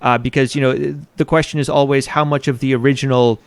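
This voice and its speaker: A man's voice: mid-range voice, level tone, a little fast, vocal fry, no echo. An American man hosting an interview, asking long questions full of hesitations and restarts. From United States. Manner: hesitant, many fillers and restarts. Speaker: interviewer, podcast host.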